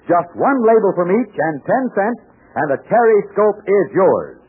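A male American old-time radio announcer with a fairly high, husky voice. He reads his script with emphatic, folksy salesmanship and swings expressively in pitch. The sound is that of an old radio transcription. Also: big pitch swings, moderate pace. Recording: muffled, band-limited old radio transcription.

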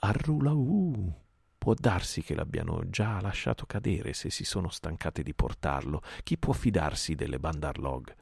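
A man's voice: extremely low pitch, moderate pace, gravelly, hardly any pauses, a little mellow, husky, no room sound, clean studio sound, heavily acted. A man voicing a big old bear who pants and wails in despair in an audiobook reading. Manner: wailing, panting. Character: heavy grieving old male bear.

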